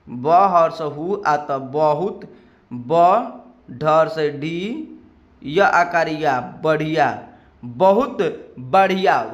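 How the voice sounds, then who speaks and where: Indian male tutor, high voice, unhurried, spells words out and repeats them for learners. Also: a bit bright, muffled recording. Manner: spells words letter by letter, repeats each word slowly. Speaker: English teacher. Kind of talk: spoken English lesson.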